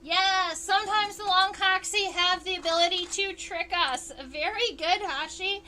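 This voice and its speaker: Chatty woman science streamer, high-pitched and unhurried, faint hiss behind. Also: pushed and bright. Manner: chatty, unhurried, reads chat aloud. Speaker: entomologist livestream host. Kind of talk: casual livestream teaching.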